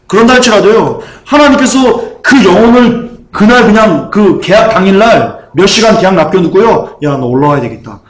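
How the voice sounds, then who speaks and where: A man preaching a fervent sermon as pastor. He keeps asking the congregation questions. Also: high voice. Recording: echoey hall.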